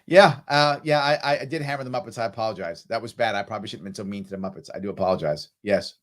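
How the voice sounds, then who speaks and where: A middle-aged New Yorker from the South Bronx talks very fast in a lowish voice while hosting a live AMA stream. Reading viewers' comments aloud, he answers them offhand and leans on fillers.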